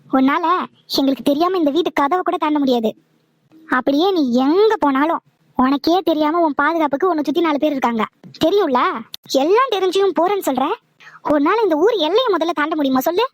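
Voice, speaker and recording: A woman's voice: high voice, fairly quick, dry recording, lightly acted. A woman voicing a stern, bossy older woman caretaker in a cartoon, scolding and giving orders. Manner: scolding, commanding. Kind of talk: cartoon voice acting.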